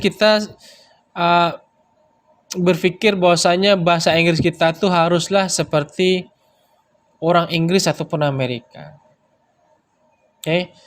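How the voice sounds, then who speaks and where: A man lectures in a loose, conversational way. His voice sits a little high, and he fills his pauses with short tag words as he explains. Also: a bit bright. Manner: explains with many fillers like "nah" and "ya". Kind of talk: casual lecture.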